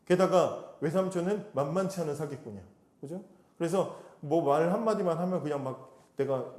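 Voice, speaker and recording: A man preaching a sermon as pastor, animated, acting out biblical quotes and speaking directly to his congregation. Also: a little high, echoey room.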